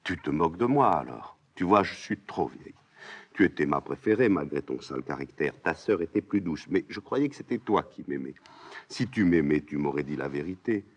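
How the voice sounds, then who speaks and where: A man reading a play aloud, voicing a fussy, scolding old nursemaid in a high raised voice. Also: animated, normal speed. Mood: hurt. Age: older. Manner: shrill, scolding, exclamatory.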